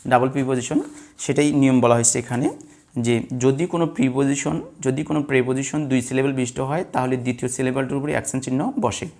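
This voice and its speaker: A male teacher from Bangladesh gives a classroom-style lesson, asking his students questions and answering them himself. His voice has a gravelly, creaky edge at a middle pitch. He talks patiently and repeats each rule several times. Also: fairly even intonation, fast, darkish tone. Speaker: English teacher. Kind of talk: blackboard lesson explaining word stress.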